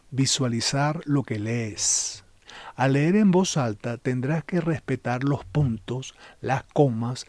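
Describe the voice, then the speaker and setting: A man of middle pitch teaches a relaxed spoken lesson on the Bible. He talks to the listener directly and calmly, now and then sinking into a whisper. The sound is dry and close, with no room around it. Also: no room sound.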